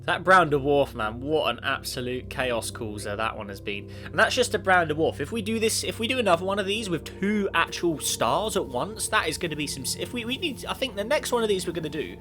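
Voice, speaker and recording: A little high and a little fast, this man's animated voice is bright and forceful, with hardly any pauses. Sniffling from a cold, the gaming YouTuber casually narrates a space simulation game, rambling, self-correcting, and speaking back to it over clear background music.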